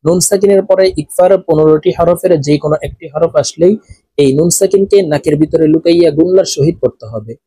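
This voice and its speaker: A man with a Bangladeshi Bengali accent teaching Quran recitation, slowly and patiently, breaking each word apart and repeating phrases. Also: fairly high pitch, dark tone, dry recording. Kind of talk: slow, patient teaching with drawn-out chanted recitation.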